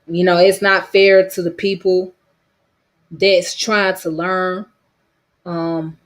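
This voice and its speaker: This Georgia vlogger, with a strong Southern accent from the state, speaks slowly in a fairly low voice with little pitch movement. She rambles casually to camera, her voice a little worn, peppering it with "you know what I'm saying."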